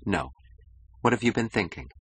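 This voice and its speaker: A man voicing a cool, detached young wife who speaks quietly and calmly in an audiobook. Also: on the low side, moderate pace, slightly rough, dry recording, voice pushed up, heavily acted. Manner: quiet, calm and indifferent. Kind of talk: audiobook character voice.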